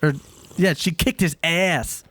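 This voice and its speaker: Animated, laughing young male podcast host. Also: a little high, slow pace, dry recording. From Montana, USA. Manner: animated, laughing, swears freely. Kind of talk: casual chat.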